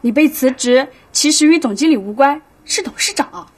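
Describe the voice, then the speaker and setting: A chatty young office woman passing on gossip in a confiding tone. Her voice is high for a woman, in a TV drama. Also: expressive, moderate pace. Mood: gossipy. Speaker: office colleague. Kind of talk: TV drama acting.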